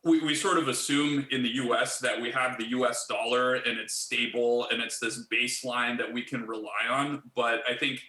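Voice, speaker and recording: A man in his thirties, a company chief executive, answering interview questions in a measured way with many fillers and restarts. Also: medium pitch, steady tone, pushed and bright, reverberant. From Bulgaria.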